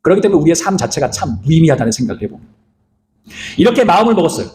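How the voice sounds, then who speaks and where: Animated, fast-talking male pastor. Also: on the high side, roomy sound, slight background noise. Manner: animated, rhetorical questions, acts out quoted lines. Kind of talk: sermon retelling scripture.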